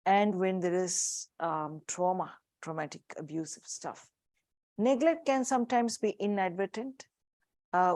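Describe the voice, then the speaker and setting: This medium-pitched woman, a psychiatrist with an Indian accent, gives parents a hands-on workshop live to the room and to Zoom, warmly explaining and demonstrating objects. The recording is dry.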